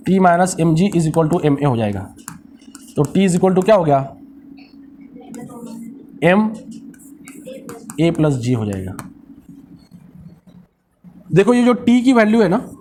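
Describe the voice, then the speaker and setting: High-voiced man teaching physics. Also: darkish tone, a little hiss or hum. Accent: Marathi-influenced Hindi. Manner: asks the class questions and answers them himself; mixes English technical terms into his speech. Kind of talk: classroom lecture.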